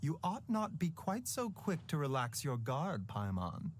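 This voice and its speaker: An actor voices a calm, enigmatic young male doctor in a video game, speaking in a fairly high voice at a measured, unhurried pace with a sly, teasing edge. There is a little hiss or hum in the recording.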